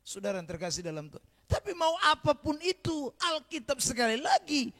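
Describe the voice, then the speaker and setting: A man preaching a sermon as pastor, calling out to the congregation often and swinging from quiet asides to loud emphasis. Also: very high-pitched, very animated, brisk.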